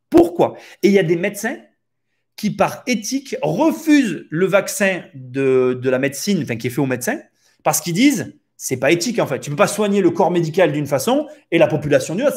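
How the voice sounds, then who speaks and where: A man's voice: on the high side, big pitch swings, fairly quick, darkish tone. A man hosting a real estate podcast, speaking in a casual, opinionated monologue with rhetorical questions and frequent hesitations. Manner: hesitant, many fillers and restarts, rhetorical questions.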